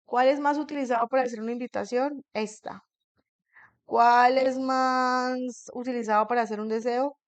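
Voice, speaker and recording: A woman's voice: a little high, fairly even intonation, normal speed, dry recording. A woman teaching an English grammar lesson in a classroom. She keeps checking in with her students and asks them questions.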